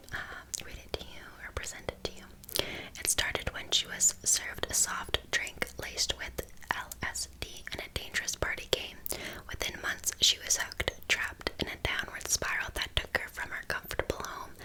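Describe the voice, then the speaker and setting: A woman in a whispered role-play as a helpful librarian, softly presenting and reading about books in an unvoiced, gentle library whisper. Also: moderate pace, rough recording. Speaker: ASMR host playing a librarian presenting books.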